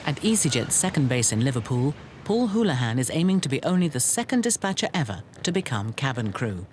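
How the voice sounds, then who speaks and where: A man's voice: medium pitch, very animated, fairly quick, slight background noise. A man reading scripted narration for a TV documentary.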